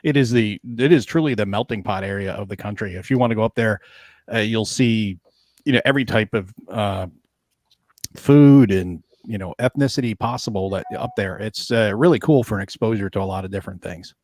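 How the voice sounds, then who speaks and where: A man's voice: lowish voice, fairly quick, no echo, clean studio sound. A man from the Northeast United States with a Northeast accent, hosting a casual, joking podcast chat. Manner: animated, joking. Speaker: podcast host.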